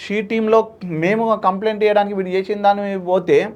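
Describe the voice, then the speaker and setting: A man, telling an emotional story in an interview, animated and acting out the voices of people he quotes. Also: high voice, a little fast, lo-fi sound. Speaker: social activist guest.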